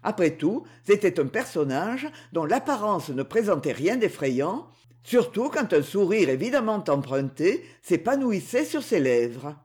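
Expressive woman narrating a storybook. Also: on the low side, measured pace, breathy edge. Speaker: audiobook narrator.

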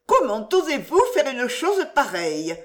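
A fiery, flirtatious widow, as a woman reads her, pitched well above the narration and swinging between coaxing sweetness and sharp indignation. Her voice climbs high and bright in a storybook reading. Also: big pitch swings, takes it slowly. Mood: indignant. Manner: pleading, then indignant and pouty.

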